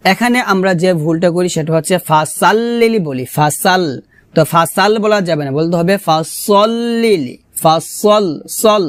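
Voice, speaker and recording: A man teaching Quran pronunciation, who recites slowly and drawn out and then explains mistakes quickly and patiently. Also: sits high, smooth, no echo, clean studio sound. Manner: patient, repetitive, corrective teaching. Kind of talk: tajweed pronunciation lesson.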